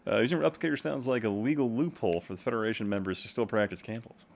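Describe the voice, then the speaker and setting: A man live-streaming a game, reacting excitably to each play, laughing often and chatting with viewers. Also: fairly low pitch, very fast, gravelly. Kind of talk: casual gaming live stream chat.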